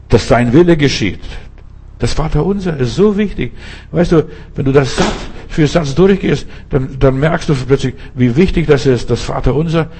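A man's voice: medium pitch, mellow, breathy edge. A male preacher giving an emphatic sermon, speaking straight to the listener with pointed rhetorical questions.

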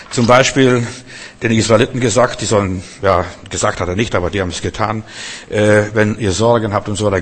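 A man preaching a conversational sermon, speaking to the listener directly and building to loud, emphatic outbursts. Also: fairly low pitch. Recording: long reverb.

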